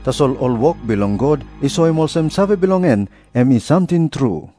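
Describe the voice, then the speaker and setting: A man with a Papua New Guinean accent playing an earnest prophet who preaches deliberately in a dramatised scripture reading. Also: fairly high pitch, animated, mellow, soft background music, natural voice. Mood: earnest rebuke. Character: Jesus, earnest preaching prophet addressing crowds.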